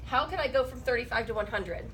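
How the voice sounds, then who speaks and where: A woman's voice: on the high side, fast talker, a bit bright, a little hiss or hum, rough recording. A woman teaching a math class while sick. She asks her students questions and jokes with them. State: sick, rough voice. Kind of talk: classroom lesson.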